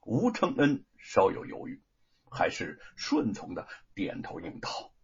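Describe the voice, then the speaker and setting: A man narrating a spoken storybook in a lively, animated way. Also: deep voice, a little slow, creaky, breathy edge, muffled recording.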